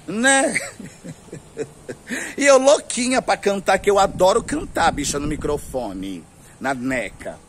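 A man's voice: sits high, sing-song, slow, pauses often, a bit bright, a little hiss or hum. A man with a Brazilian accent telling a story to camera in a flamboyant, gossipy way, laughing often, outdoors on a street. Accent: Brazilian Portuguese. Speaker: vlogger.

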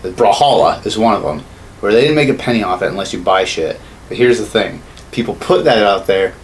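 Speaking fairly quickly and animatedly in a lowish voice, a man in his thirties rants with profanity as a podcast co-host, sharing casual opinions on games and movies. It's a clearly noisy recording from a small home studio room indoors.

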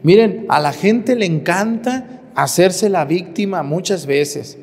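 A man preaching a sermon as priest, animated and joking, firing rhetorical questions at the congregation. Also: sits high, slow, long reverb tail.

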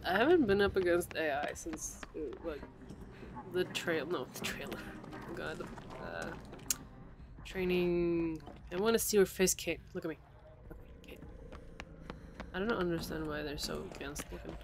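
Sniffly woman streamer with a stuffy voice. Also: on the low side. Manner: chatty, rambling, quick to laugh. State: stuffy, sniffling, sounds sick. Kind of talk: casual live gaming stream chat. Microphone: desk mic. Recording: noisy home stream audio.

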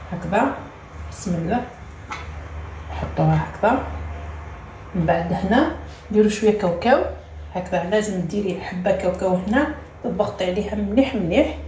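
A woman's voice: medium pitch, lively intonation, a little fast, pauses often, mellow. A woman with an Algerian Arabic accent hosting a home cooking tutorial. She talks step by step as she works and keeps repeating short cues. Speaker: cooking channel host. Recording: echoey room with faint ambient noise.

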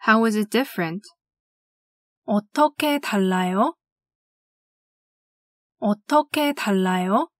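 A woman teaching language, reading classroom phrases slowly and carefully and saying each one twice. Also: mid-range voice, lively intonation, no room sound, clean studio sound. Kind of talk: scripted phrase drill.

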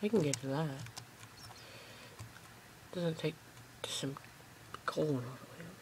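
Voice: mid-range voice, a little slow, background noise. A gameplay host chatting casually to viewers while playing, recorded on a phone aimed at a screen at home. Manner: chatty, rambling, talks to viewers. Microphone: phone camera pointed at a screen.

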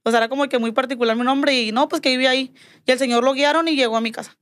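Speaking very fast in a high voice over a dry recording, a woman from Mexico shares a personal story as a podcast guest. The chat is casual and lively. She acts out what people said, saying "me dijo" again and again.

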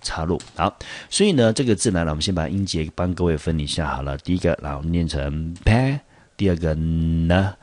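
A man, a high school English teacher giving a lecture-style lesson. He explains patiently and repeats himself, stresses key points with reminders, and slows right down to spell out English words. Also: darkish tone, dry recording. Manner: patient, repetitive explaining with frequent emphatic reminders. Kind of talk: classroom-style lecture video.

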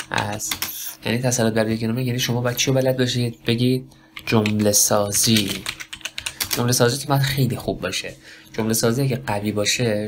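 A man teaching a spoken lesson for test preparation, talking slowly in broken phrases and asking himself questions. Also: fairly low pitch, vocal fry, noisy background. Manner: slow, halting delivery with many pauses and self-questions. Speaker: English test prep teacher.

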